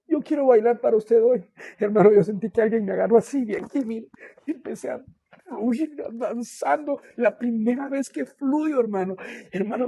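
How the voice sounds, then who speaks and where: A man who is a pastor, with a Guatemalan Spanish accent, tells his faith testimony in an earnest, halting way and keeps calling the listener "hermano". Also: high-pitched, mellow, dry recording. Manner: halting, with many restarts and fillers. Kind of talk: personal faith testimony in a podcast interview.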